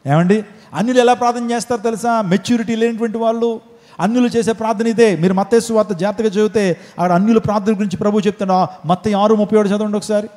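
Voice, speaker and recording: Male pastor, high mellow voice, sermon delivery full of rhetorical questions, echoing church hall. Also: steady tone, racing. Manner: preaching with rhetorical questions, acting out cries.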